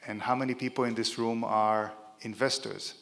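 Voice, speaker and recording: A middle-aged keynote speaker with an Israeli accent addresses a large room in an informal, joking conference talk full of fillers. His mid-range voice is gravelly, a bit bright and flat, at a moderate pace, echoing in a reverberant event hall.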